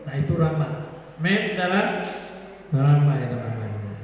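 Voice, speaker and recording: A man preaching in a loose, chatty way, breaking into little laughs and quick acted-out voices. His voice sits a bit high, and it carries from a distance through a long, booming church-hall echo. Faint room ambience sits behind him. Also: lively intonation. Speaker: pastor. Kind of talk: sermon. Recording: echoey church hall from far off.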